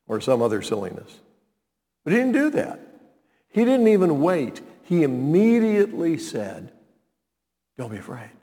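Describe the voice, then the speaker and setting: A male pastor delivers a sermon in a slow, unhurried way, his voice slightly high and swinging widely in pitch. He keeps checking in with his listeners in a casual, conversational tone. Long reverb from a large hall trails after his words. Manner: conversational, drawn-out phrasing with frequent "okay?" check-ins.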